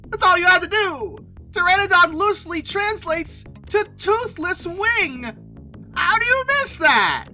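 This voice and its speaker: The host of a paleontology video channel, a woman with a very high-pitched, pushed, bright voice, offers casual, opinionated list commentary. She speaks emphatically, throwing in theatrically exasperated asides.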